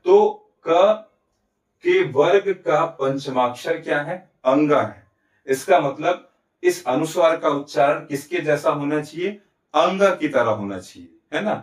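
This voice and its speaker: Male teacher with a Chhattisgarh accent, fairly high voice, asks a question and then answers it, keeps checking "ठीक है?", mic at a distance in an echoey room. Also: animated, unhurried. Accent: Chhattisgarh Hindi. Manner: explains step by step, asks and answers his own questions; often adds "ठीक है?" and "है ना?" to check understanding. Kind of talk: Hindi grammar lesson.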